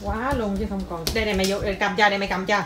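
Music plays behind this young mom as she talks rapid-fire in a medium pitch with little rise or fall. Chatty and casual, the family vlogger addresses her audience as aunts and uncles.

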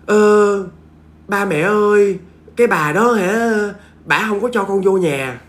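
A man's voice: high-pitched, slow pace, voice pushed up. A man voicing the ghost of a young man, pleading and complaining that he is shut out of his home. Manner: whiny, complaining.

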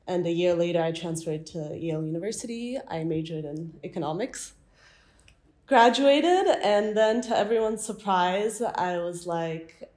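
Young woman, from France, low voice, relaxed storytelling, gallery interview. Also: normal speed. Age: young adult. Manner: relaxed storytelling with light laughs. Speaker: artist guest. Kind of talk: interview answers. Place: art gallery, indoors.

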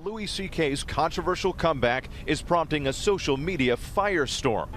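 Tv news guy, crisp newsy read, kinda high voice. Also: lively intonation, moderate pace, a bit bright, a little hiss or hum. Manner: crisp broadcast delivery. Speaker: news reporter. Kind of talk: TV news report.

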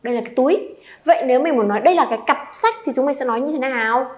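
A woman's voice: sits high, very fast. A woman, teaching a beginner Chinese lesson and coaxing students to repeat aloud.

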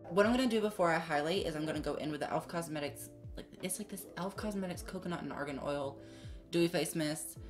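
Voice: medium pitch, quick pace. A beauty vlogger in their twenties with a sassy, slangy drag queen manner, chatting casually to camera in a makeup review. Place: small indoor room set up for filming. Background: background music.

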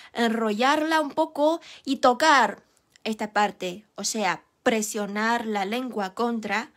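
A woman's voice: a little high, a bit bright. A young woman whose first language is Chinese, giving a patient, encouraging Mandarin lesson and demonstrating sounds. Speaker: Mandarin teacher. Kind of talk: live online language lesson.

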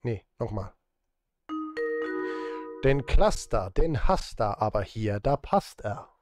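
Working through a livestream from his small indoor setup, this composer and music streamer keeps up playful, casual talk aimed at chat and at himself. He speaks slowly in a fairly low, sing-song voice with a darkish tone, faint music behind him.

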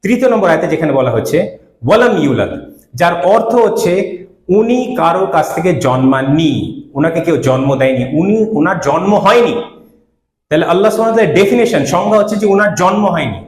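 Fast, high-voiced preacher. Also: male voice, animated, echoey room. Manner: argumentative, rhetorical questions. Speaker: Islamic preacher. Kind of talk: religious lecture.

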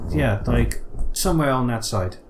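A man's voice: mid-range voice, expressive, normal speed, slight background noise. A young man teasing and directing his friend while they play a city-building game. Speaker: let's play co-host. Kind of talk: casual gameplay commentary.

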